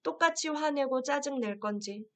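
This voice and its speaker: Woman instructor with a slightly high voice, gentle and direct, leads a guided affirmation lesson. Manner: gentle, addresses viewers directly, reads phrases slowly. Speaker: health program instructor.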